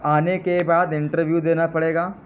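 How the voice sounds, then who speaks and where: Delivered at a normal pace in a level tone, the somewhat high male voice rallies supporters in a live address full of fervent, repetitive pleas that sharpen into indignant jabs. The audio sounds tinny, like a phone line, with faint noise.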